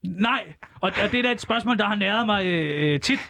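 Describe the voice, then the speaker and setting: A man in a radio studio, playing an interview guest and telling a rambling story in a deadpan comic way, with hesitant fillers. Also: high-pitched.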